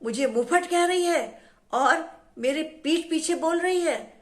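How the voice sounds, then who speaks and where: A woman voicing a proud, angry male tree in a children's story who shouts threats in rhyme. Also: sits high, a little slow.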